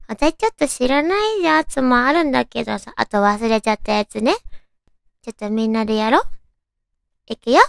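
A woman's voice: fairly high pitch, vocal fry, no echo, studio quality. A woman with a naturally cute, girlish anime voice hosts a chatty solo radio show, talking playfully to listeners as friends.

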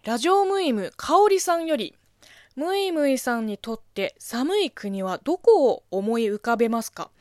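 A woman from southern China, a native Chinese speaker with a Chinese accent, hosts a casual radio show where she reads out listener letters and answers them offhand. Her voice is high-pitched, very animated and a little mellow, at a moderate pace. The audio is studio quality with no echo.

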